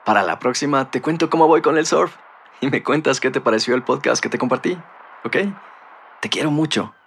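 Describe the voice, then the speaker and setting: Radio ad: upbeat young soldier, played by a man, conversational message to mom, medium pitch, light background noise. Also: a little fast, vocal fry, fairly bright tone. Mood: cheerful, affectionate. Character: upbeat young soldier phoning his mother. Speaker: actor in army recruitment ad. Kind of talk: scripted conversational ad.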